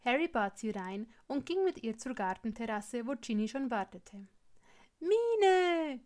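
A woman reading fan fiction aloud in steady, plain storytelling. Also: a little high, normal speed. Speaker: reader.

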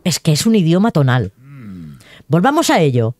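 A woman's voice: low-pitched, sing-song, normal speed, darkish tone, no room sound, voice pushed down. Woman doing a lecturing lizard-folk teacher. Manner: formal, lecturing.

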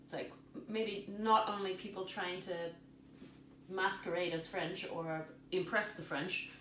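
A woman's voice: on the low side, a little hiss or hum. A young woman co-hosting a podcast, chatting casually and animatedly while tasting wine. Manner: animated, chatty, quick laughs. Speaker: podcast co-host. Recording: echoey room, faint ambience.

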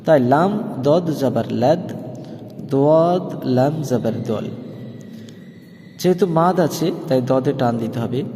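Male Quran teacher, mellow tone, slightly high pitch, slow spelling and sung verses, faint hiss behind. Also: long reverb tail. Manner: slow syllable-by-syllable spelling, breaking into melodic chant. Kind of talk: spelling out and chanting Quran recitation lesson.

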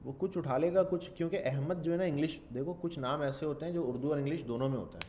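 A man's voice: a little high, fast talker, darkish tone, a little hiss or hum. A man teaching a casual coding lecture, thinking aloud and slipping English terms into his talk. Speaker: programming instructor.

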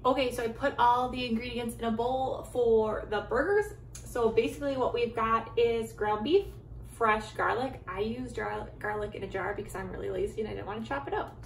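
Filmed at arm's length on a phone or camera, a thirtysomething American woman chats informally through a home cooking demo, moving between her kitchen and a backyard garden. She sounds fairly high-pitched, speaks at normal speed and is far from the mic, with an echoey room and noticeable background noise.

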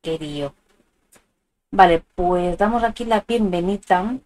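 Streaming a video game, a Spanish woman speaks in a lowish, darkish voice at a measured pace, her accent from Spain. She's chatty and informal, calling her viewers by endearments as she talks with them affectionately. Music from the game and stream alerts sound in the background.

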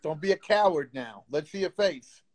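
A man's voice: on the high side, animated, moderate pace. A man hosting a live stream, taunting and insulting a caller in a profane, confrontational way.

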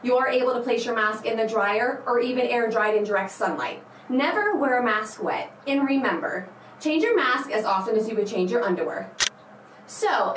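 A woman school nurse reading a health announcement to staff and students over the school intercom, in a plain, instructive way. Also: fairly high pitch. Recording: echoey and distant with faint hiss.

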